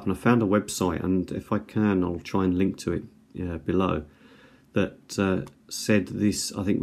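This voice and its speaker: A video host reviewing items gives casual unboxing commentary in a low-pitched, darkish voice, hesitant and musing as he thinks aloud. It is a home recording with faint background noise.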